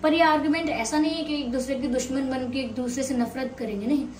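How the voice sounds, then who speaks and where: A woman giving a tarot reading to viewers, mixing Hindi and at an unhurried pace, her throat slightly sore. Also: high voice, fairly even intonation, a little mellow. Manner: unhurried, mixing Hindi and English, thinking aloud. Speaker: tarot reader. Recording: roomy sound, mic at a distance, faint hiss.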